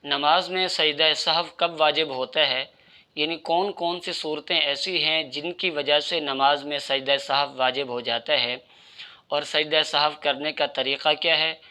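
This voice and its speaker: A man's voice: fairly high pitch, fairly even intonation, unhurried, bright, forceful tone, clear, resonant tone. A man giving religious instruction in a methodical, explanatory way, addressing his listeners directly. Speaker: Islamic religious teacher.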